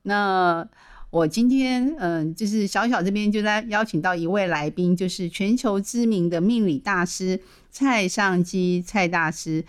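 A woman with a Taiwanese Mandarin accent, hosting a casual interview show. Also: medium pitch. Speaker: radio show host.

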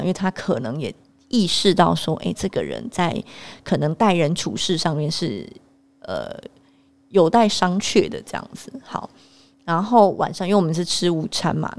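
A woman's voice: lowish voice, moderate pace, vocal fry. Exasperated young woman storyteller. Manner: animated, exasperated anecdote-telling. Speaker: vlogger. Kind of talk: storytelling to camera.

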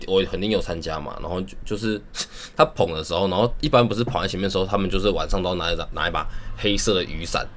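A man's voice: deep voice, a little hiss or hum. A young man with a Taiwanese Mandarin accent, telling a rambling story in casual monologue, swearing freely and laughing at his own jokes.

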